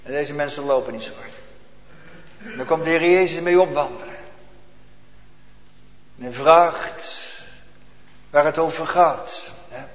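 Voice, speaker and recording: Guy preaching in a church, big swings from loud to hushed, highish voice, dull echoey old recording. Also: measured pace, long pauses. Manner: swings between loud emphatic cries and hushed low asides. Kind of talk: sermon.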